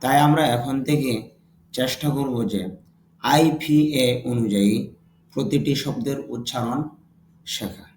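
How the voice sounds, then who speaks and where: Male Bangladeshi-accented teacher, measured and slow, drilling words by repetition, echoey room. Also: medium pitch, steady tone, a little hiss or hum. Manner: repeats each word twice with its meaning, stressing the English word louder. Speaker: English vocabulary teacher. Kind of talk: slow, deliberate vocabulary lesson with repetition.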